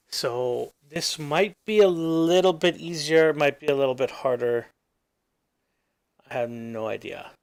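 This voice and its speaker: With vocal fry in his mid-range voice and no room sound around him, a native English-speaking gaming host chats casually while working on screen. He thinks out loud, rambles and lets things fade into mumbles.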